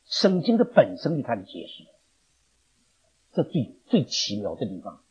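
A man teaching a Bible class, animated, questioning his listeners and chuckling often. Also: medium pitch, normal speed, husky. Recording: dull lo-fi recording.

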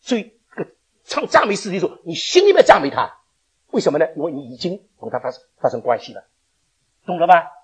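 A man's voice: fairly high pitch, huge pitch swings, quick pace, husky. A man preaching a sermon, telling stories in a chatty way with laughs and stammered restarts.

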